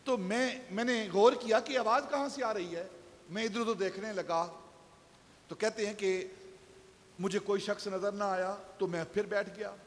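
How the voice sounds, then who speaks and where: A man's voice: high voice, steady tone, in a large hall. A man giving a Friday sermon, telling stories and rising to emphatic peaks. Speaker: pastor. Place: shrine mosque hall.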